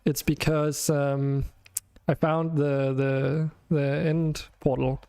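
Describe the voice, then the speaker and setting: A man's voice: on the high side, flat delivery, slow pace, mellow, clear, resonant tone, no room sound, studio quality. A man hosting a game stream, chatting casually and thinking aloud with some hesitation. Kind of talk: casual chat while playing a game.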